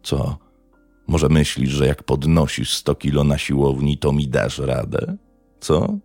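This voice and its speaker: Male narrator as drunk young bully, swaggering, crude, deep and rough. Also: level tone, a little slow, darkish tone, dry recording, faint music behind, exaggerated voice. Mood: taunting. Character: drunk menacing young male local thug.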